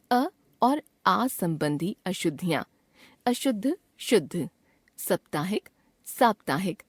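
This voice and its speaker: A woman reading a Hindi grammar lesson aloud, spelling out words letter by letter in a measured drill. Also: mid-range voice, no echo. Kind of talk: slow, deliberate textbook reading.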